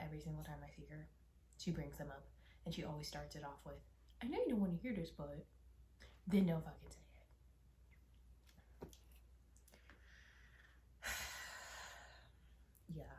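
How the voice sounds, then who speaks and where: A young woman chatting casually while she eats on camera, candid and swearing offhandedly, often dropping into soft whispered asides. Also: low voice, reverberant. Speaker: mukbang vlogger. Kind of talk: casual mukbang chat while eating.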